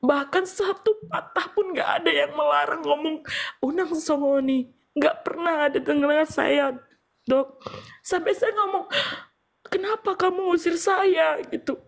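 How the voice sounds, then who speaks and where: A woman's voice: high voice, unhurried, gravelly. A young woman telling a doctor her painful story, tearful and pleading. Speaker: patient. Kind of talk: emotional personal account.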